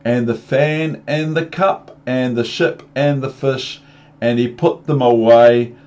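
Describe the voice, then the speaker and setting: With a steady, darkish, medium-pitched voice and a slow pace, a man from New Zealand reads a picture book to young kids. He's rhythmic and repetitive, pausing for chatty asides and questions that talk down to his young listeners. The audio is a muffled lo-fi home recording with background noise.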